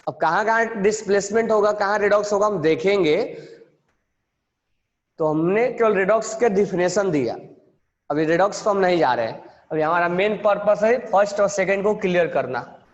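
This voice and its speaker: A man teaching a chemistry class, explaining quickly, then repeating phrases slowly so students can write them down. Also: high-pitched, long reverb tail, muffled recording. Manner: mixes quick explanation with slow dictation. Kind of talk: classroom lecture, dictating notes.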